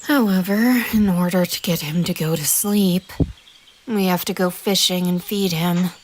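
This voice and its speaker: A woman with a lowish, natural voice plays a playful, easily flustered young male bard and doting single dad in a fan audio roleplay. Her unhurried delivery is expressive, teasing, and fondly exasperated, full of sighs and chuckles, over heavy background noise.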